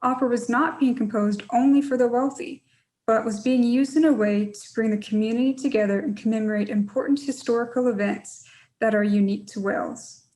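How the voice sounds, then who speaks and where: Measured young woman from Georgia. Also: a little high, steady tone, warm tone, poor audio. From Georgia, USA. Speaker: PhD student. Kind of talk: prepared scholarship talk.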